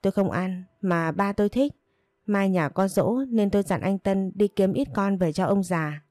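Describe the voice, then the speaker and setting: A woman doing a calm, reserved man. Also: mid-range voice, moderate pace, dry recording, studio quality, lightly acted.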